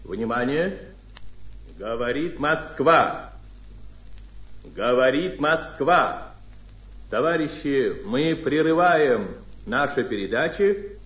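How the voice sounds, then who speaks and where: A man reading a formal Soviet radio news announcement as a state announcer, in a solemn, stately, measured proclamation. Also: mid-range voice, lively intonation, fairly bright tone. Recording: dull, echoey archival radio broadcast.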